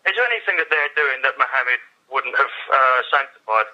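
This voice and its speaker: A man's voice: mid-range voice, expressive, brisk, bright, forceful tone. A man calling in to a radio show, combative and talking over the host. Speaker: caller. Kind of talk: radio phone-in. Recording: phone line on radio.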